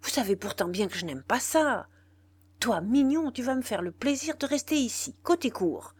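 Audiobook figure: a bossy, scolding theatre manager, read by a woman, husky. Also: on the high side, animated, normal speed, voice pushed up. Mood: exasperated. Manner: scolding, urgent.

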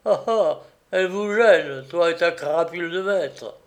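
A man voicing a gruff, defiant poor woodsman who shouts threats in a read-aloud story. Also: fairly high pitch, unhurried, lightly acted. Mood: furious. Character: gruff, furious poor old Polish woodsman.

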